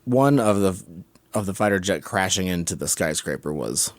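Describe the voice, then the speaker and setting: A man with a very low, deep voice co-hosts a casual podcast chat. He speaks in a measured, halting way and sometimes restarts his sentences. The sound is dry and close to the mic. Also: lively intonation, dry recording. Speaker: podcast co-host. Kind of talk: casual chat about films.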